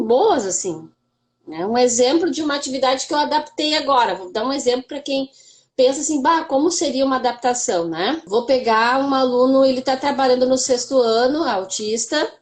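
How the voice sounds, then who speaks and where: A woman's voice: high-pitched, a little mellow. A woman teacher, explaining her work in a casual interview, with many fillers and step-by-step examples. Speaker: special education teacher.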